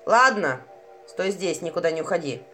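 A woman's voice: lowish voice, expressive, normal speed, bright, forceful tone, soft background music, pitched below the performer's own voice. Woman voicing a huffing ancient vampire man. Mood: bossy. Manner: bossy, huffing with strain. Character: pompous ancient male vampire in bat form.

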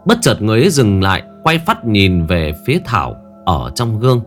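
Male storyteller, low voice, dramatic and animated delivery. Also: a little fast. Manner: dramatic, suspenseful. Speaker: narrator. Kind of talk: ghost story narration. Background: faint music.

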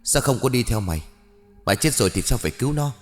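A man's voice: medium pitch, expressive, quick pace, big-room sound, faint music behind, lightly acted. Man doing wary pregnant ghost woman, probing questions, storybook. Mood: suspicious.

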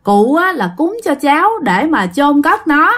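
A woman's voice: sits high, big pitch swings, unhurried, fairly bright tone, voice pushed up, exaggerated voice. A woman voicing a carefree middle-aged village man who brushes off worries. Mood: cheerful. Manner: breezy, dismissive reassurance.

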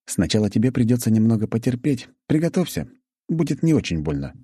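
A man voicing a calm, dryly teasing male healer, the first-person hero of an audiobook. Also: medium pitch, brisk, slightly rough, dry recording, clean studio sound, voice pushed up.

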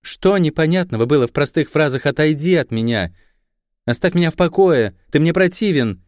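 A man reading an audiobook voices a young resurrected sorceress, raising his pitch to sound honeyed, then hard and accusing. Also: lively intonation, moderate pace, warm tone, no echo, studio quality, lightly acted. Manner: accusing, spiteful. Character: resurrected great sorceress, young woman, cold and bitter. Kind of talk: audiobook character voice.

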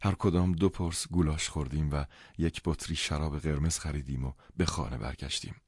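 Male audiobook narrator: deep, husky, calm first-person reading, dry sound. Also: dry recording.

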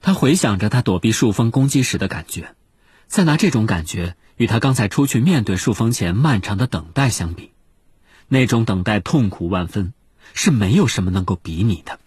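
A man reads a novel aloud as narrator. His voice sits low. He tells the story expressively, with a lively, varied pitch. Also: normal speed, slightly rough, dry recording. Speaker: audiobook narrator. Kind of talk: scripted narration.

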